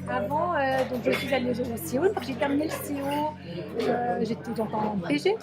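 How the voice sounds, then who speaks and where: Woman, high voice, sign interpreter speaking in first person; halting delivery, loud music behind, café setting. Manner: halting, searching for words as she interprets.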